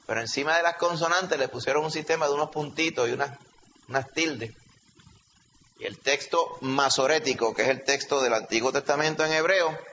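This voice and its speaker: A man preaches in a fairly high, forceful, bright voice, teaching emphatically and constantly checking that his listeners follow. His voice rings through a reverberant hall, captured with a slightly dull, muffled quality and a faint hum underneath. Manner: emphatic teaching, frequent checking questions to the congregation. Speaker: pastor. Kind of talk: sermon.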